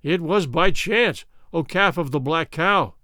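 A frightened young soldier murmurs a low plea, read by a male narrator. His voice stays soft and slow against a dry, close recording. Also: expressive, no echo. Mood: pleading.

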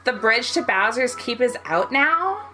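A woman voicing a hapless male mushroom helper with a valley girl lilt, in halting, self-consciously amateur comedic dub style. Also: a little high, very animated, pushed and bright, soft background music, full character voice, low-quality recording. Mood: breezy valley girl. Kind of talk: comedic live game dub.

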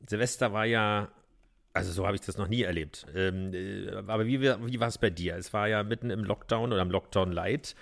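A man's voice: on the low side, fairly even intonation, fairly quick, creaky. A man co-hosting a podcast, chatting casually in a jokey, tongue-in-cheek way. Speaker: podcast co-host.

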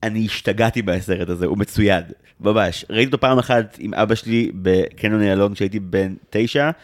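A man in his thirties hosting a podcast, chatty and jokey, full of quick asides. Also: fairly low pitch. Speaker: podcast host. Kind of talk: casual podcast chat.

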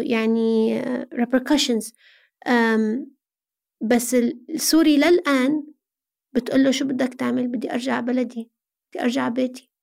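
A Syrian woman speaks in a high-pitched voice as she answers in an interview. Her delivery is conversational and earnest, laying out explanations and posing rhetorical questions as she goes. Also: vocal fry, a little mellow. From Syria, Aleppo. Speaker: interview guest.

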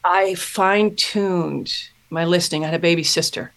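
A woman's voice: lowish voice, fairly even intonation. Earnest, reflective middle-aged woman. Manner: earnest, thoughtful, pauses and restarts mid-thought. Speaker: podcast guest, self-mastery mentor. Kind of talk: reflective personal storytelling.

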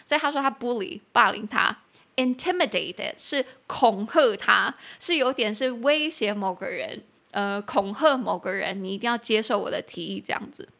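A young woman hosting a podcast lesson, explaining English phrases in chatty Mandarin and spelling words out slowly. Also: mid-range voice, expressive, creaky, a bit bright. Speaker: English teacher and podcast host. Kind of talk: bilingual language lesson.

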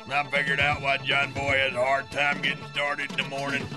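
A man playing a dimwitted country caller who talks slowly over music. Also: mid-range voice, monotone, natural voice. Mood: goofy. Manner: slow, dopey, giggling.

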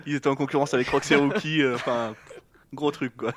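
A man co-hosting a casual podcast, teasing the others and dropping into quiet jokey asides. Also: mid-range voice, steady tone, fairly quick, a little hiss or hum. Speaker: podcast co-host.

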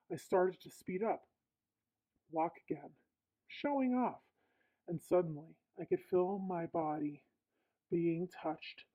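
A woman reading a listener's dream account aloud through a voice changer that disguises her voice, in steady first-person storytelling. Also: lowish voice, slightly rough, voice pushed down. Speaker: podcast host reading a listener's letter. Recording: tinny lo-fi processed sound.

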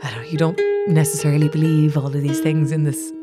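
A woman's voice: low voice, flat delivery, brisk, over loud music. A woman with a West of Ireland accent telling a personal story casually and animatedly, acting out what people said. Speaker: musician and songwriting teacher.

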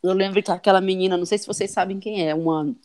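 Woman, mid-pitched voice, animated, argumentative, casual podcast chat. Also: fast talker.

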